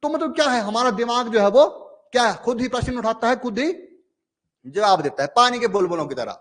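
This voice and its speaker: High-voiced man teaching a lively class. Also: fairly quick. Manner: explains with everyday examples, keeps asking "ठीक है?"; acts out little inner dialogues in a lowered voice. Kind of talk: online exam-prep lecture.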